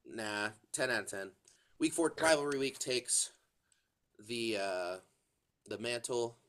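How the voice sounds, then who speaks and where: In casual sports chat on a college football podcast, the congested co-host speaks slowly in a mid-range voice with a fairly bright tone. He meanders, full of fillers and false starts.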